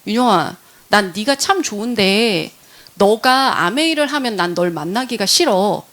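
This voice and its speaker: A woman's voice: medium pitch, animated, a little slow, fairly bright tone. A woman voicing a blunt, plain-spoken older woman friend who questions and teases her. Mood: cool.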